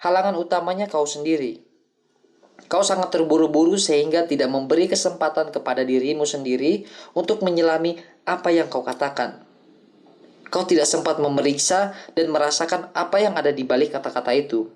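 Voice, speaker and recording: A man reading the lines of an older male acting teacher who explains things calmly and patiently in an audiobook. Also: a little high, fairly quick, natural voice. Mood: instructive. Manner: calm, explanatory lecturing.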